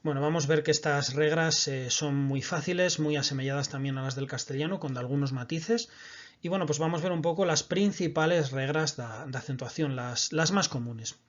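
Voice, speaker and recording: A man's voice: a little high, brisk, dull audio. A man teaching a recorded online language lesson, explaining patiently and often checking that his listeners follow.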